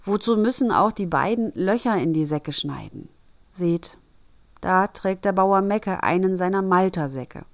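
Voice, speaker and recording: A woman reads a rhyming storybook tale aloud, slow and deliberate, leaning into each line with theatrical emphasis. Her voice sits a little low and is recorded close and dry, with no room sound. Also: dry recording. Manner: lively, animated reading with dramatic emphasis. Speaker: narrator. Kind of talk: storybook reading of rhyming verse.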